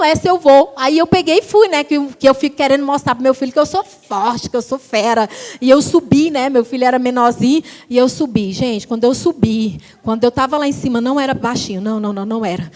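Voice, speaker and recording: A Brazilian Portuguese woman preacher telling lively personal stories in a church sermon, acting out the voices of the people in them. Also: sits high. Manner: animated storytelling, acting out quoted voices.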